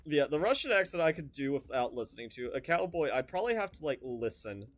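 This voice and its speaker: A man's voice: a little high, sing-song, quick pace. A young man streaming a video game, chatting casually and rambling off into tangents with lots of fillers. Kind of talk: casual gameplay commentary.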